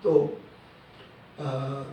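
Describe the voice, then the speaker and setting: A man's voice: mid-range voice, little pitch movement, muffled recording, slight background noise. Man preaching in an echoey church. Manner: measured preaching, dotted with "예" and quoted verses. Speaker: pastor. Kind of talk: sermon. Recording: echoey hall, voice from a distant mic.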